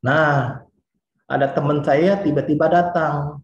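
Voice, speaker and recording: A man in his forties from Indonesia gives a chatty motivational talk and keeps speaking straight to his audience. His voice sits a little high for a man. The recording sounds dull and muffled, with plenty of room echo. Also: slow pace. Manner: lively and chatty, often addresses the listeners directly.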